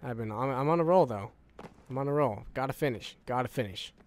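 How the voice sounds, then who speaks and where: Brisk yet a little mellow, a mid-range male voice delivers loose let's-play commentary for a gaming video. He's clearly tired, his voice fraying, and he repeats lines under his breath.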